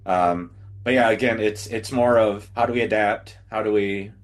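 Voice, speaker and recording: A man speaking haltingly as a guest in a casual podcast discussion. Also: fairly low pitch, steady tone.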